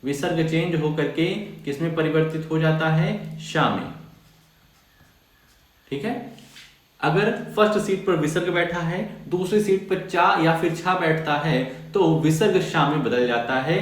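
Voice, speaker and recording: A man's voice: a little high, a little slow, heavy reverb. A man teaching a grammar lesson to schoolchildren, repeating key points and putting questions to the class.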